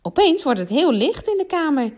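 A woman reading a children's Christmas story aloud, expressive and lively, giving the characters their own voices. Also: high-pitched, moderate pace.

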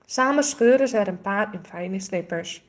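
A woman reading a children's story aloud, expressive and clear. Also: mid-range voice, moderate pace.

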